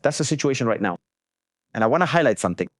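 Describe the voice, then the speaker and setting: A man's voice: medium pitch, expressive, rapid-fire, dry recording, studio quality. A man hosting a live stream, delivering breaking news commentary in an explanatory way, repeating points for emphasis.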